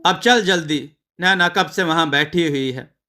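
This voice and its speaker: A man voicing a patient young husband in a storybook tale who gently corrects his wife. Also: fairly high pitch, a little slow.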